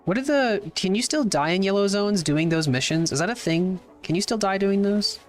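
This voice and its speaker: A man's voice: high voice, expressive, normal speed, faint music behind. A man streaming a game live, chatting casually and answering his chat in a laid-back way. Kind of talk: casual livestream chat while playing.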